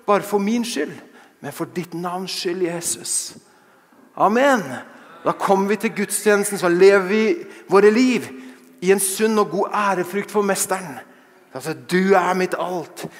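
A man preaching a fervent sermon, often rising to loud exclamations and snatches of song. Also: high-pitched. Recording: long reverb of a large hall.

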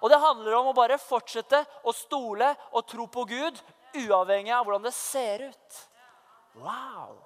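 A young man giving a sermon testimony as a youth leader, fervent, moving from hushed asides to loud proclamations. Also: very high-pitched. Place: church hall. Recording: long reverb of a church hall.

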